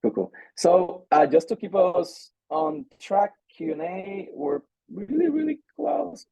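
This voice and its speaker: A man's voice: sits high, creaky, no room sound, low-quality recording. A man from the Caribbean hosting an artist information session over a video call, speaking with many restarts and repeated words. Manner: halting, many restarts, animated. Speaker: artist relations director.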